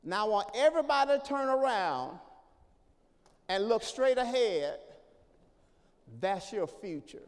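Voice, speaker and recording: A pastor preaching a sermon, calling for responses and swinging between soft talk and hollering. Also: male voice, high-pitched, expressive, measured pace, long pauses. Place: church sanctuary. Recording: long reverb of a church hall.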